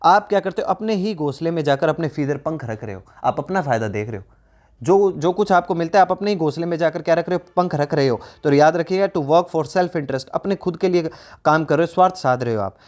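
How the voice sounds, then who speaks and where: A man's voice: fairly high pitch, brisk, darkish tone. A man teaching English idioms in Hindi, reading English phrases in an Indian accent and explaining them step by step with rhetorical questions. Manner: asks rhetorical questions to the class. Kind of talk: recorded vocabulary lesson.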